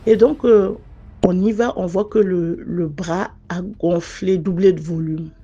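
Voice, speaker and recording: A woman's voice: fairly low pitch, fairly even intonation, dark tone, breathy edge, muffled recording. Earnest woman telling her own story. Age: adult mother. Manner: earnest and hesitant, with frequent pauses and restarts. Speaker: listener sharing a personal testimony. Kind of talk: casual first-person storytelling.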